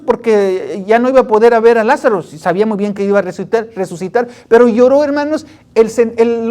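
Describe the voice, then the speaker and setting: A woman's voice: a little high, dark tone. A woman preaching a sermon in a conversational way, retelling stories and scripture and constantly addressing her listeners as brothers. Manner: retells anecdotes and scripture with frequent restarts.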